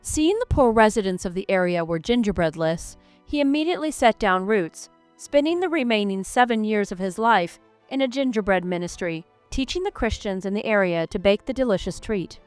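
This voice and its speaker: A woman's voice: mid-range voice, animated, moderate pace, few pauses, clear, resonant tone, no room sound, faint music behind. A woman reading a scripted narration with wry, playful asides.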